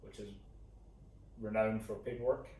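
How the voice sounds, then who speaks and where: Here a young Scottish-accented man from Scotland chats informally as co-host of a couple's vlog, thinking aloud while explaining. His voice sits on the low side with a darkish tone and little pitch movement, at a moderate pace. It's captured on a far-off mic in an echoey room, faint noise included.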